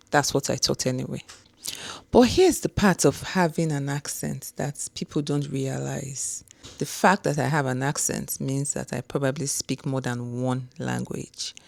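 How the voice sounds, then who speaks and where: A woman's voice: sits low, a little mellow, no room sound. A middle-aged woman with a Nigerian accent, giving an earnest, emphatic motivational talk to camera. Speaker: vlogger.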